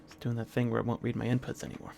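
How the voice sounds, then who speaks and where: Hoarse man rambling on a live stream. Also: medium pitch, little pitch movement, rapid-fire, a little mellow, slight background noise. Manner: rambling recap with many fillers and restarts. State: scratchy, hoarse throat. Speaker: streamer playing a video game. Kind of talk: casual live-stream commentary.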